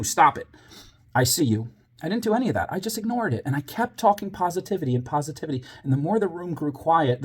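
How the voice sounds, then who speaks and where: A man's voice: mid-range voice, a little mellow, breathy edge. A man telling a story from his years as a teacher, dramatizing it with whispers and quoted voices. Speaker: former teacher, channel host. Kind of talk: personal storytelling monologue.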